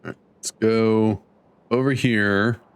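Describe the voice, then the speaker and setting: A man's voice: lowish voice, steady tone, slow pace, clean tone. Rambling man thinking aloud while gaming. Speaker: streamer. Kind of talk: casual gameplay commentary.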